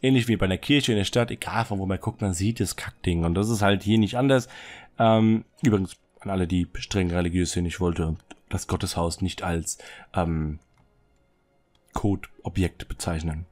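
Showing off a city he built on a Minecraft server, this young man speaks in a low-pitched voice at a moderate pace, occasionally clearing his throat from a cold. Soft music plays while he rambles through excited, fidgety gameplay commentary full of fillers.

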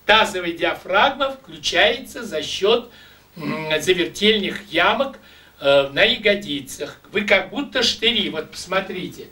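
An older Russian man teaches voice, demonstrating exercises and addressing students in an emphatic, declamatory, slow and deliberate manner. His voice is high, bright and forceful with lively intonation. A distant camera microphone records him in a small room with patterned curtains.

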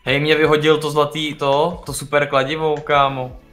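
Young male gamer, casual banter, loud excited outbursts, game music clearly behind. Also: fairly high pitch. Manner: excitable, yells and laughs at game mobs. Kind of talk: casual gaming chat.

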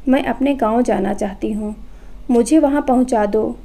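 Brief: meek, loving old mother in a story, read by a woman; soft, dark-toned, slightly high. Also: normal speed, gravelly. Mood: tender. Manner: soft and affectionate. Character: gentle old village mother, meek and patient.

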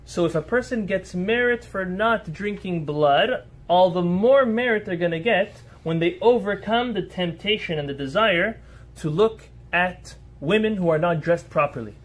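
A male rabbi with a high voice teaches a Torah lesson to a small live group at a moderate pace, earnest and emphatic. He poses rhetorical questions and responds to listeners' remarks on the fly.

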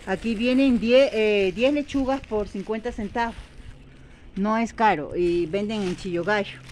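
A woman with an Ecuadorian highland accent, chatting step by step as she plants vegetables in an outdoor garden, filmed on a phone. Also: a little slow, darkish tone. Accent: Ecuadorian highland Spanish. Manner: chatty, step-by-step, repetitive, addresses viewers as friends. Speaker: home gardening vlogger. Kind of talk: casual how-to vlog. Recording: outdoor noise, animals and traffic.

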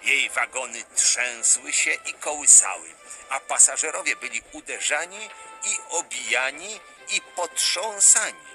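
A man reading a children's story aloud, expressive and animated. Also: mid-range voice, a little slow, over music.

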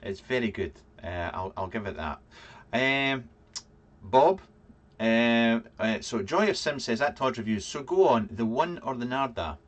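A man in his thirties with a Fife accent from Scotland hosts a casual livestream in a medium-pitched voice. He rambles and halts as he reads out chat comments and answers them with dry humour. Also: lively intonation, dull audio. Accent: Scottish, from Fife. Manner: rambling, halting, dryly joking. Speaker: livestream vlog host. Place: small cluttered home room, indoors.

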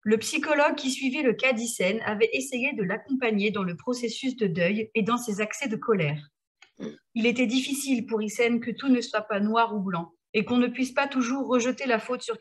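Woman reading her novel aloud. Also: a little high. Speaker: author reading her own book.

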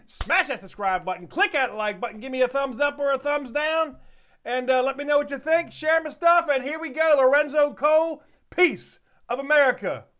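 High, bright-voiced man chatting casually. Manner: folksy, rambling, easygoing talk. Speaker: music reaction channel host. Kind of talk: casual reaction commentary.

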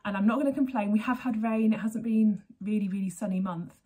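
Quick-paced and medium in pitch, this woman's voice is warm and husky. She's an English host in her thirties, from Berkshire, chatting loosely to camera for her knitting podcast in a sunny living room, laughing often and wandering off topic; the camera sits at desk distance.

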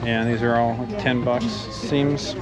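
A man's voice: mid-range voice, level tone, slow. A man casually narrating a walk through an outlet store, chatting and reading out prices as he browses. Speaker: podcast host walking through an outlet store. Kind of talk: casual walkthrough commentary. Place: indoor retail outlet store. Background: loud store music.

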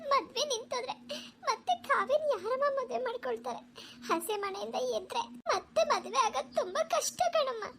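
A woman playing a tearful cartoon mother who frets over her daughter in a very high, whimpering voice. She speaks softly and anxiously, with faint noise behind. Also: moderate pace, vocal fry, exaggerated voice. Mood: fretful. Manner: weepy, fretting. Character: worried, tearful middle-aged mother Bharati. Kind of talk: cartoon voice acting.

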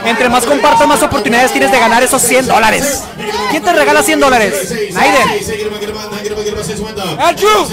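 A man's voice: very high-pitched, normal speed, loud music behind the voice. A man hosting a car auction live stream with upbeat, slangy, bilingual promotional patter in a crowded covered outdoor lot. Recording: loud crowd around the voice. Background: loud crowd.

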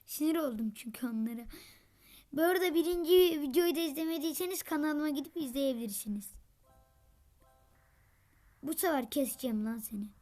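High-pitched lady yelling and taunting during a game, gets mad and loud fast. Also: animated, soft background music. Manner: trash-talking, taunting opponents; bursts into frustrated high shouts. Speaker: gaming channel host. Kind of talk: gameplay commentary.

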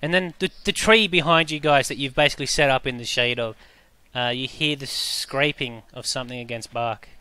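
Bright, crisp-voiced man as game master. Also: medium pitch, a little fast, dry recording. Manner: descriptive, hesitant with fillers. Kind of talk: narrating a tabletop game.

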